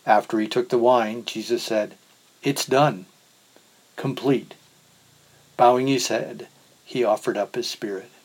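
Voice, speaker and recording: Male scripture reader, mid-pitched, steady and solemn. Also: moderate pace, poor audio. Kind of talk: scripture reading.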